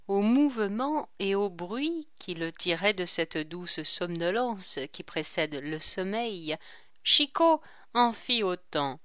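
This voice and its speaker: A woman narrating a classic novel aloud in a measured, expressive way. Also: a little high, smooth, no echo, clean studio sound.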